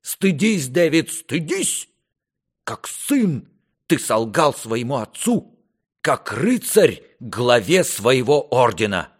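A man voicing a stern, grieving old king who scolds his son in a raised, forceful voice. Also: fairly low pitch, a little slow, voice pushed up, natural voice.

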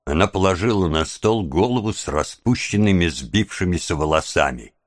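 A man reading an audiobook as narrator, with a measured, even storytelling delivery on a close studio mic. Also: deep voice, no room sound. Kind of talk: scripted narration.

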